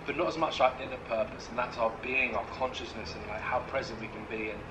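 A man speaking calmly and thoughtfully in reflective podcast talk. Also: mid-range voice, quick pace. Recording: echoey room with background noise.

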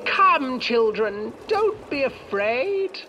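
A man voicing a cunning, greedy old witch in a shrill, wheedling tone for a storybook reading in a horror game. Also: sing-song, extremely slow, pushed and bright, faint music behind, full character voice. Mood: coaxing.

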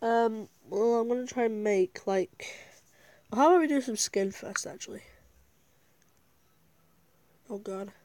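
This woman's voice sits on the high side and is a little mellow; she speaks at a measured pace with frequent pauses, and there's no echo. She's a gaming video creator offering casual commentary, chatting to viewers, giggling a lot and narrating her own steps.

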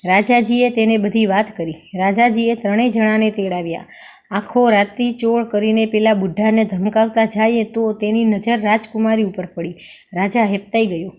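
A woman's voice: mid-range voice, steady tone, moderate pace, darkish tone. A woman reading a folk tale aloud, expressively voicing the characters' lines. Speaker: storyteller.

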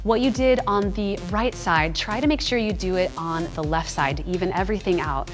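Woman trainer, thirties, mid-pitched, encouraging yoga cues over faint music. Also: brisk. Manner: encouraging, upbeat cueing. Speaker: fitness trainer. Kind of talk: guided yoga instruction. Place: large indoor home gym studio.

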